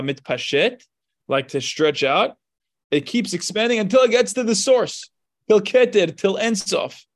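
A man leading a text study, reading passages and explaining them line by line, rising in pitch as he stresses key points.

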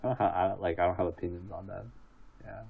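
Gravelly, husky laid-back guy. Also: deep voice, steady tone, fast talker, phone-quality sound. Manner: laid-back, offhand, swears casually. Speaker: interview guest. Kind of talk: casual interview chat.

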